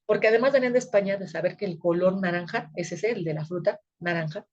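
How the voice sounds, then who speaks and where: A woman's voice: lowish voice, quick pace, a little mellow, muffled recording. Chatty woman teaching. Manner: conversational, frequent checking tags. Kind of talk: recorded video lecture.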